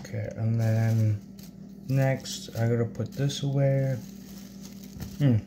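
Slow, swearing man muttering in a kitchen. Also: mid-range voice, fairly even intonation. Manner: profane, muttering to himself while cooking. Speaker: home cook vlogger. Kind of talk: casual cooking vlog. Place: small home kitchen, indoors. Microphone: phone camera propped on the counter. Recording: loud background noise.

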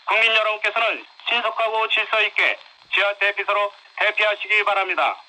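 A man delivering an official emergency air raid warning over a loudspeaker broadcast, in a formal, measured and steady way. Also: high-pitched, low-quality recording. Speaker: civil defense announcer.

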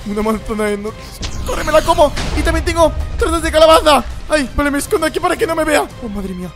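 A man with a Spain Spanish accent giving excitable gameplay commentary, often shouting, as a gaming YouTuber. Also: very high-pitched, fast talker. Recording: game music clearly underneath.

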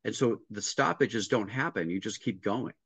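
A middle-aged restaurant consultant joins a casual interview by video call, seated at home before a painting. His lowish voice is husky yet fairly bright, at a moderate pace, as he narrates work stories step by step, dramatizes the dialogue, and frequently starts over. There is no echo, and the call audio sounds dry and muffled.

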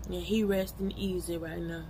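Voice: medium pitch, level tone, moderate pace, mellow, a little hiss or hum, poor audio. A person chatting casually and colloquially to followers while eating, talking with a mouth full of food. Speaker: vlogger.

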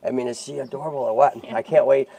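A man's voice: medium pitch, steady tone, quick pace, gravelly, dark tone, slightly rough, dull audio. A man hosting a tortoise rescue livestream in casual chat, talking in a chatty way and checking in often with "right?" and "okay?".

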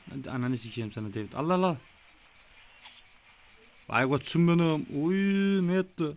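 A young man giving casual, excitable gameplay commentary, swearing often and talking like a buddy, his voice a bit rough. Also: medium pitch. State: sweaty, voice gone a bit rough. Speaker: gaming YouTuber. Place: small room with window closed.

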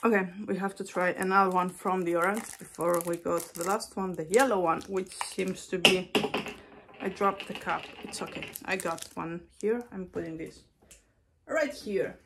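A woman's voice: lowish voice, steady tone, normal speed, gravelly, background noise. A woman in her thirties talking casually to the camera as host of a challenge vlog, in a small room at home. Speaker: video host taking a candy challenge. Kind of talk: casual solo vlog chat.

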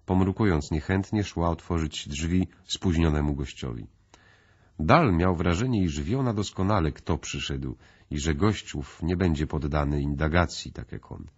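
A man reading an audiobook as narrator, steady and even. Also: rumbling low, moderate pace, husky, lo-fi sound. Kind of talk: scripted narration.

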